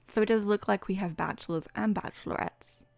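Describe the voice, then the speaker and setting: A woman's voice: mid-range voice, fairly quick, creaky, a little mellow, no echo. A young woman streaming, chatting casually and reading quiz answers aloud with dramatic flair. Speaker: VTuber streamer. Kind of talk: casual chat.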